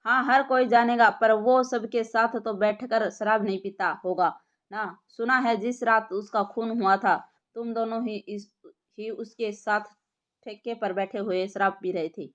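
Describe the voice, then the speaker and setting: A woman's voice: on the high side, steady tone, measured pace, natural voice. A woman voicing a tough young policewoman who scolds and interrogates. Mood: interrogating. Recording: lo-fi muffled recording.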